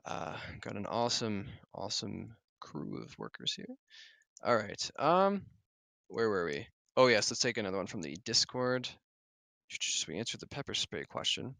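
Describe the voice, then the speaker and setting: A man's voice: fairly low pitch, very animated, normal speed, vocal fry, fairly bright tone, dry recording. A man hosting a casual livestream Q&A, reading viewer questions aloud in a chatty way with fillers. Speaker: stream host.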